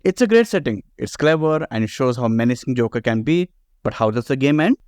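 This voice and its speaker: A man's voice: mid-range voice, expressive, brisk, a little mellow, no echo, studio quality. A man narrating a scripted video game commentary in a sarcastic, profane way.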